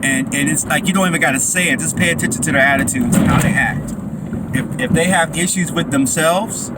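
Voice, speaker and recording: Man vlogging on a run, loud street noise. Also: fairly high pitch. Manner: talking while out running, in loose broken phrases. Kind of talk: casual motivational monologue to camera. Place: outdoors by a road.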